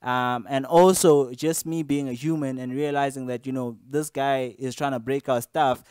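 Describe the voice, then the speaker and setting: A man's voice: medium pitch, fairly even intonation, normal speed, darkish tone, clear, resonant tone, no room sound, clean studio sound. A young man casually recounting to camera something that happened to him at an interview, rambling along with lots of fillers and restarts.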